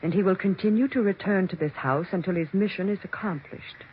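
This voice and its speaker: In stern American 1940s radio suspense acting, a woman plays a domineering, scheming mother who claims she can speak with the dead. Her mid-range voice is lightly acted, stern and menacing, commanding and deliberate in diction. The 1940s radio recording is dull and noisy.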